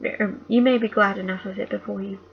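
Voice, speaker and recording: A woman reading aloud, voicing a cold, commanding female queen with a sharp, imperious delivery on a dull lo-fi home recording. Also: mid-range voice, fairly even intonation, a little fast, vocal fry, a little hiss or hum, close to an everyday voice.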